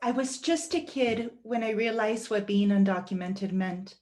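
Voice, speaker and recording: A woman guest reader delivers a first-person monologue with deliberate, earnest storytelling. Her mid-range voice holds a steady, darkish tone.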